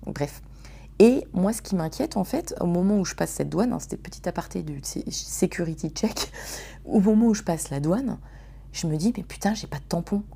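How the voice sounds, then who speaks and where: A woman hosting a casual storytelling podcast, slangy, swearing and animated as she talks to her listeners. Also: mid-range voice, moderate pace, gravelly, husky. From France. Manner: slangy and swearing, addresses listeners as "les gars". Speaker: podcast host.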